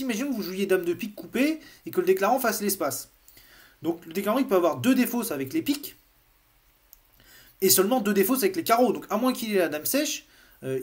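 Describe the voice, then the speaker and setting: A man explaining bridge card play in an unscripted lesson, hesitant, with many fillers and restarts. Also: a little high. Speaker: bridge teacher.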